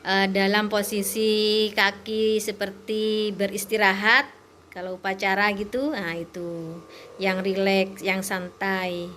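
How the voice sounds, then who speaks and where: A woman's voice: mid-range voice, little pitch movement, slow pace, a bit bright, a little hiss or hum. A woman teaching a class, explaining step by step in a patient way with many fillers. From Indonesia. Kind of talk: classroom lesson to students.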